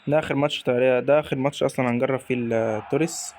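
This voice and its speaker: Rapid-fire Egyptian gamer commentator. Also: male voice, mid-range voice, steady tone, darkish tone, slight background noise. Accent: Egyptian Arabic. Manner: hyped, talks to the in-game players. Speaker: gaming YouTuber. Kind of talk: live gameplay commentary.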